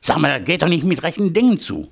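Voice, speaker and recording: A man's voice: on the high side, very animated, fast talker, vocal fry, voice pushed up, full character voice. A man voicing an arrogant, boastful male hare in a storybook tale, mocking and show-off. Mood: baffled. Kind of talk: storybook character voice.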